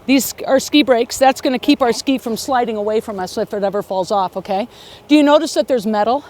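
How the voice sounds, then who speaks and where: Outdoors, with faint background noise, a woman leads a beginner ski lesson step by step, encouraging her students and checking in often with quick questions like "okay" and "right." Her voice is on the high side with a darkish tone, and she speaks fairly quickly.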